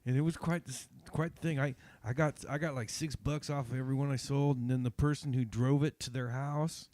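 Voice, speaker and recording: A man's voice: medium pitch, steady tone, a little fast, a little mellow, dry recording. A man hosting a casual radio show, telling long stories with many restarts. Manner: rambling storyteller, repeats words. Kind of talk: casual chat.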